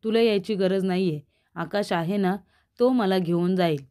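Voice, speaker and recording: Give me a bossy, complaining middle-aged mother-in-law read out by a woman, with a mellow voice. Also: mid-range voice, moderate pace, natural voice. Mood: scolding. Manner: demanding, scolding.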